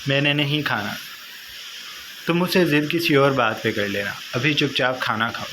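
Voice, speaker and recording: A man voicing a stern but tender young husband, calm and coaxing, over a noisy recording. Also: mid-range voice, moderate pace, close to an everyday voice.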